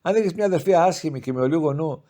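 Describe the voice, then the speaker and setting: A man's voice: mid-range voice, animated, dark tone, lightly acted. A man voicing a grieving, pious older village mother who speaks in plaintive, heartfelt pleas. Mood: aggrieved.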